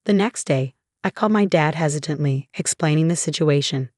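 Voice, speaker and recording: A woman narrating a first-person story in an even, measured way. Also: sits low, no room sound, clean studio sound.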